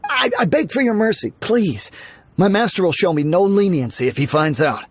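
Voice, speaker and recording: A man's voice: sits high, animated, normal speed, a little hiss or hum. A man voicing an easily cowed, formal household guard in a video game, with music behind him. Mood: panicked, pleading. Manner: stammering, apologetic, formal. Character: nervous servile male guard, easily cowed.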